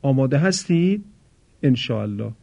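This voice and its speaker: Guy teaching pronunciation on a muffled old recording, slow careful example words for you to repeat. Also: medium pitch, animated, creaky. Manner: slow, loud, drawn-out model words for repetition; formal, measured explanation. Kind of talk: recorded pronunciation lesson for listeners.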